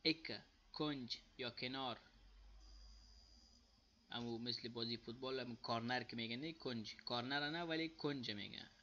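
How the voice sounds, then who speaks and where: A man with an Afghan Dari accent giving a casual spoken lesson, saying example words slowly and loudly, then explaining them quietly. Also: medium pitch, dull audio, a little hiss or hum. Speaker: language teacher.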